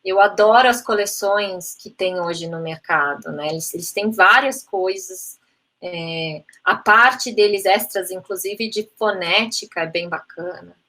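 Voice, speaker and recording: A woman's voice: medium pitch, unhurried, sharp tone. A woman with a Brazilian Portuguese accent, a language teacher giving a live online talk on phonetics, chatty and dropping in English terms. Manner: chatty, frequent "né?" tags, mixes in English terms. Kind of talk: live online talk answering chat questions.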